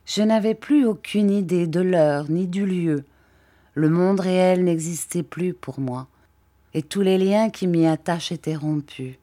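A woman narrating a classic tale aloud with a measured, expressive delivery. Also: on the low side. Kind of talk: literary story reading.

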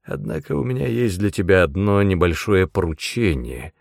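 A man voicing a gruff bossy demon mentor. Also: sits low, big pitch swings, moderate pace, no echo, clean studio sound, heavily acted. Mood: sly. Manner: brusque, commanding. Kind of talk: audiobook character voice.

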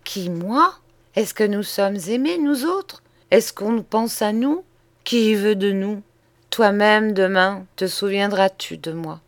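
A woman's voice: mid-range voice, slow, no room sound. A woman voicing a passionate young woman lover who asks urgent, tender questions in a story reading. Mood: bitter.

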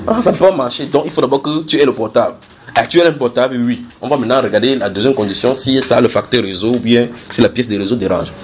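Male preacher, brisk Bible teaching, repeats his points and quizzes the room, faint hiss behind. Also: mid-range voice. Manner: explanatory, repeats key phrases, builds everyday analogies; asks listeners questions and draws call-and-response. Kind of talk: sermon-style Bible teaching to a group.

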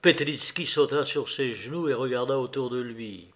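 A man narrating a classic novel aloud in a measured, even manner. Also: mid-range voice. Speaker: audiobook reader.

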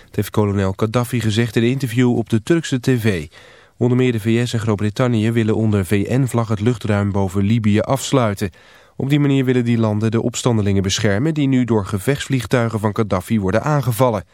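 Newsreader, man, formal bulletin; steady, dry studio sound. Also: fairly low pitch, fairly quick, no room sound. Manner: even, formal delivery. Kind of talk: scripted radio news bulletin. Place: news studio.

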